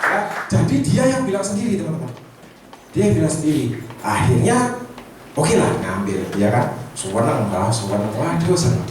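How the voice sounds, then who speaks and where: A man, animated and high-pitched, shares stories with a roomful of fellow agents and acts out each exchange. He sits back from the microphone, and the hard room gives heavy echo with a faint hum of noise behind. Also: normal speed, a faint crowd. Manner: animated, acts out dialogue, mixes in Javanese words. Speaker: insurance agent trainer. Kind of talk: motivational storytelling talk. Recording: echoey room, far from the mic, faint noise.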